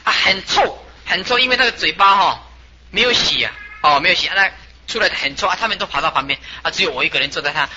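A man, a Buddhist master, tells a story as a sermon in an animated way and chuckles as he talks. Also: high-pitched, fast talker, dull audio, a little hiss or hum.

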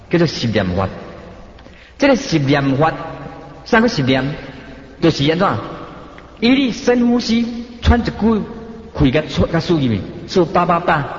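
A man speaking with a Taiwanese Hokkien accent, giving a Buddhist sermon with slow, rhythmic chanting. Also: a little high. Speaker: Buddhist teacher. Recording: dull, echoey hall.

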